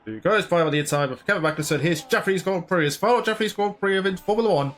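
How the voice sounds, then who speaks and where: A man's voice: high voice, racing, fairly bright tone. Chatty man commentating a racing game. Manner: chatty, rambling, mock-commentates. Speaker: gaming YouTuber.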